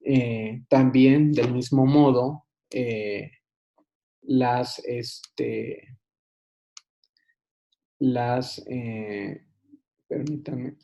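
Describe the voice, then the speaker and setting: A man giving a recorded online lesson, unhurried, with frequent hesitations and restarts. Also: medium pitch, steady tone, gravelly, mellow. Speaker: teacher. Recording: dull lo-fi recording.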